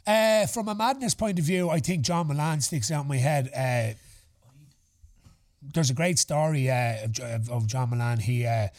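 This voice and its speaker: A man's voice: medium pitch, normal speed, darkish tone. A thirty-year-old man with an Irish accent, chatting casually as a podcast host with slangy, sweary storytelling. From Ireland. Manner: sweary, slangy anecdote telling. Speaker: podcast host answering listener questions. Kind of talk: casual chat.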